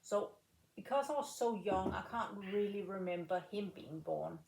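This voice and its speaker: A woman in her late thirties, a former rifle shooter from Denmark, answering interview questions in a measured, unhurried way with pauses between phrases. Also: medium pitch, gravelly, background noise. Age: 30s. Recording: echoey room.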